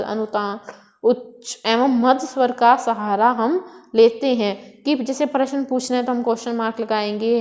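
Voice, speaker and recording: High-voiced woman teaching in an echoey room. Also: a little mellow. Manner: asks and answers her own questions. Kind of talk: explaining a lesson. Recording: echoey room with long reverb.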